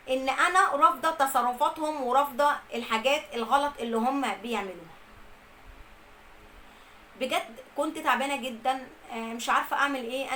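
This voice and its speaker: A young woman with an Egyptian Arabic accent tells her own story at a brisk, rushing clip. Her voice sits a little high, and she speaks earnestly, piling up emphatic lists. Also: fairly bright tone, a little hiss or hum, rough recording. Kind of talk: first-person storytelling.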